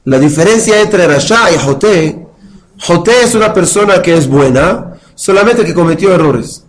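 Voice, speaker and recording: A man's voice: sits high, expressive, normal speed, low-quality recording. Man teaching a religious study class. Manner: explains patiently, asks the class questions, chants Hebrew verses.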